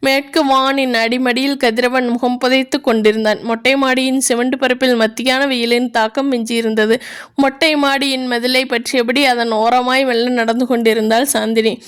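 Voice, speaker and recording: A woman's voice: on the high side, flat delivery, moderate pace, clean tone. A woman reading a family story aloud as narrator, telling it in a plain storybook manner.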